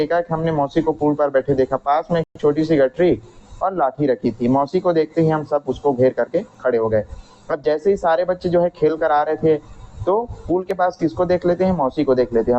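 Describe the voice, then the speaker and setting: A man's voice: a little high, mellow. A man teaching a lesson, reading a story aloud and restating each line in simpler words, often asking a question and answering it himself. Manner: rephrases each sentence in plain words, asks and answers himself. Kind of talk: reading and explaining a textbook story. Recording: dull lo-fi sound.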